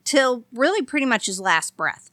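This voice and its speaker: Woman in her 30s, podcast co-host, bright and fairly high voice, wry, dry close mic. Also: very animated, moderate pace, dry recording. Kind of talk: casual chat reviewing horror films.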